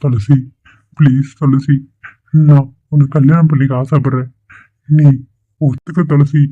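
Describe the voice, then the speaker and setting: A lovesick young cartoon man who pleads and pushes insistently, as a man voices him. His delivery stays flat and level. The sound is thin and tinny, like a phone line. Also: medium pitch, unhurried, breathy edge. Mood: pleading. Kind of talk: dubbed cartoon dialogue.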